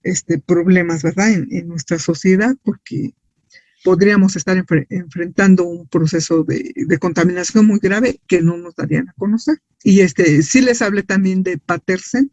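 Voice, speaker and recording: A man's voice: high voice, darkish tone, dry recording. A man with a Mexican accent lecturing as a science teacher, explaining didactically with rhetorical questions and checks for agreement. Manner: didactic, asks and answers own questions, often seeks agreement with tag questions. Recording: dull, lo-fi, dry sound.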